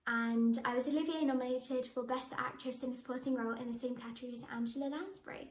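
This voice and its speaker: A teenage actress talks about her acting work while answering interview questions to camera, bubbly and eager with frequent laughs. Her high voice keeps a steady tone at a quick pace, and the room adds noticeable echo.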